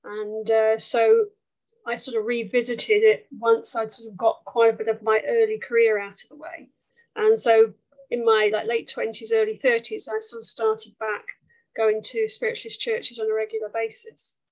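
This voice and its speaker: A woman with an Essex accent speaks as an interview guest. Her voice sits a little high and stays fairly flat in melody. She tells personal stories in a conversational way. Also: normal speed, poor audio. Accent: Essex English. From Essex, England. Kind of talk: conversational life story.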